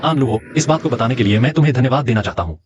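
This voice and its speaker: A man's voice: medium pitch, lively intonation, racing, background noise, close to an everyday voice. A man dubbing a wealthy young male lead in a drama, cool, sarcastic and possessive. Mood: cold. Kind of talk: Hindi dubbed TV drama. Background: drama score music.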